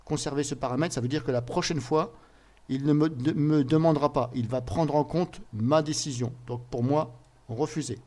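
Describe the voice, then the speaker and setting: A man narrating a screen-recorded software tutorial in a casual way, thinking aloud with frequent pauses and little filler words. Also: fairly high pitch. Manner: casual, fills pauses with "voilà" and "hop"; thinks aloud, restarts and hesitates.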